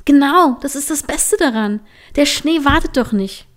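A woman voicing an eager, high-spirited young woman in a storybook, speaking slowly. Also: mellow. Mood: excited.

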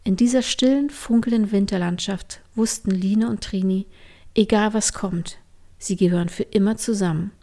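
Give me a woman telling a storybook in a gentle, lilting voice. She drops to a soft hush now and then as she reads aloud, keeping an even, storytelling flow. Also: medium pitch, normal speed. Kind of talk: storybook narration.

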